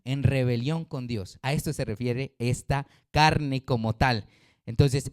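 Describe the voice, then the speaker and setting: A middle-aged man preaches a sermon in a somewhat high voice. He keeps quizzing the congregation in call-and-response, and his delivery jumps between loud, emphatic rises and quiet, low drops. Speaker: pastor.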